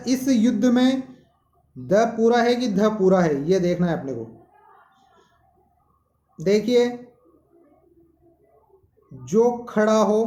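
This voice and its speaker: A male teacher, explaining a lesson slowly and posing questions to students. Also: high voice, dark tone, echoey room. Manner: slow, explanatory, asks questions. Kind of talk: classroom-style lesson.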